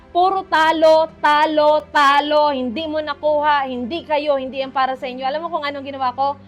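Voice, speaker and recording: A middle-aged woman tells her testimony in a very high voice, acting out her calls to clients and asking her listeners to agree with her. She breaks into sung worship lines as she preaches, with faint music underneath. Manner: animated storyteller, acts out phone calls, asks crowd "Tama?"; sings worship lines mid-talk. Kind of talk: Taglish testimony sermon.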